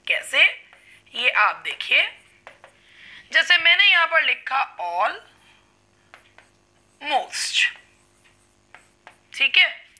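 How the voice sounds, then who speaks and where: A woman leads a classroom-style English lesson, taking her time over each point. Her voice sits high and sounds very bright and sharp. She stretches out example words as she explains them. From India. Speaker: English teacher.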